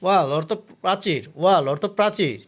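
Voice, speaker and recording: A man teaching English vocabulary, saying each word and its meaning twice and stopping to explain the pronunciation. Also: high voice. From Bangladesh. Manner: slow, careful drill with pronunciation notes.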